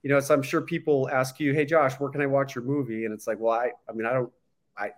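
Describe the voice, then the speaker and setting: A man's voice: medium pitch, level tone, fast talker. A man hosting a casual interview, friendly and hesitant, with many fillers. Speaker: interview host.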